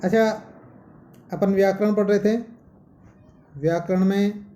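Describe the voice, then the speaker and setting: A man's voice: sits high, fairly even intonation, unhurried, mellow, slight background noise. A man teaching a Sanskrit grammar lesson, talking to his students as children and patiently repeating each term.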